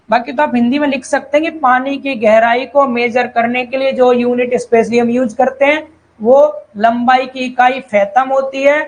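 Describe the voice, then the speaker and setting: A high-voiced man teaches civil engineering in an online exam-prep lecture, and the recording quality is low. Calling his students brother and child, he repeats key terms, reads definitions slowly in English, and then gives the explanation in Hindi.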